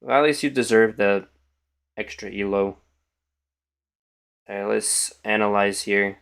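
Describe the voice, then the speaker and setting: Low-voiced tired young man streaming chess. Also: unhurried, vocal fry, fairly bright tone, clean tone. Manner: mumbling, thinking aloud, trailing off. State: tired, morning voice. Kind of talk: casual live-stream commentary.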